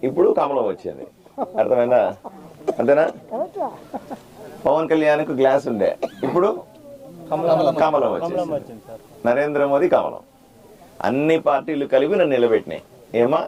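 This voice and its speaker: A man, a doctor running for office, giving a repetitive, plain-spoken campaign speech that quizzes the crowd and demands loud answers. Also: mid-range voice, dull audio. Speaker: political candidate and doctor. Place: outdoor neighborhood gathering.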